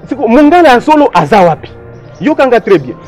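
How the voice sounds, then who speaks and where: A man's voice: very high voice, big pitch swings, a little fast, darkish tone, faint music behind. A man from DR Congo, giving emphatic, lecturing political commentary in a discussion and running through lists of places and dates.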